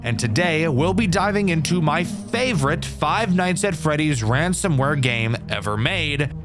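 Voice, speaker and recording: A man's voice: on the high side, animated, a little slow, music in the background. A young man giving casual game review commentary as a YouTuber, candid and swearing freely. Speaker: gaming YouTuber.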